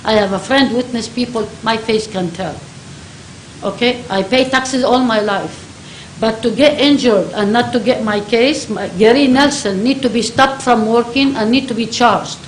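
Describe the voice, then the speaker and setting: Lebanese-accented woman, emphatic public comment, slightly high voice, echoey meeting room. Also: moderate pace, slight background noise. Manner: emphatic, broken English, repeats herself. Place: county board meeting chamber.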